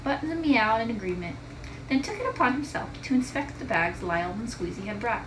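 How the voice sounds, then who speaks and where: Reading a children's story expressively, this woman teacher speaks fairly quickly with big pitch swings in a voice on the high side. Her distant mic picks up an echoey, clearly noisy room.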